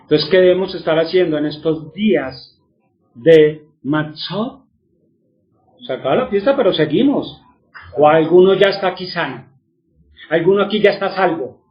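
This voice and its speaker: High-voiced man teaching, quizzing his listeners. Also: normal speed, pauses often, lo-fi sound. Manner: asks the audience questions and answers them himself. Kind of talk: religious teaching.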